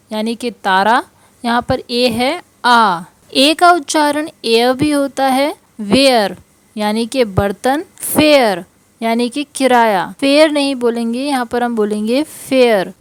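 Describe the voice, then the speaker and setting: Slow, careful woman teacher. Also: a little high, no echo. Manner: spells out letters one by one, repeating each sound. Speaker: English teacher. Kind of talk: slow explanatory lesson.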